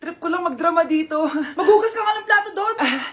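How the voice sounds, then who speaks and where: A woman's voice: very high-pitched, animated, a little fast, fairly bright tone, a little hiss or hum. A woman performing short comedy skits, switching between many characters. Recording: faint music underneath.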